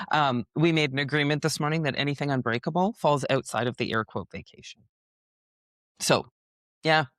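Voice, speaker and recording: A woman's voice: very deep voice, no echo, studio quality. A woman hosting a podcast, chatting in an upbeat, rambling way with lots of fillers and restarts. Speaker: podcast host. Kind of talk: casual podcast chat.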